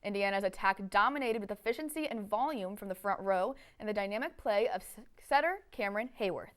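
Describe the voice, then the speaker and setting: A woman's voice: mid-range voice, brisk, fairly bright tone. A young woman reading scripted sports news as an anchor in a TV studio.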